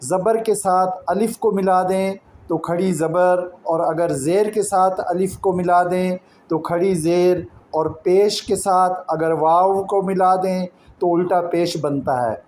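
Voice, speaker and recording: Male Quran teacher with a Pakistani Urdu accent, high voice, slow and patient delivery, echoey room with faint background noise. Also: fairly even intonation, darkish tone. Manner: patient, explains step by step with examples. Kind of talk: slow explanatory lesson.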